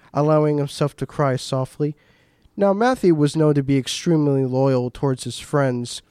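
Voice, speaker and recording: A man reading a children's story aloud at a book launch in a gentle, measured way. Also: mid-range voice, clear, resonant tone, no echo.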